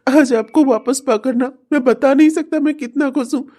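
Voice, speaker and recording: A woman's voice: high voice, moderate pace, dark tone, close to an everyday voice. A woman voicing a devoted young son in a cartoon, anxious, pleading and tearful. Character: devoted young adult son Nikhil, emotional. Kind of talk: cartoon voice acting.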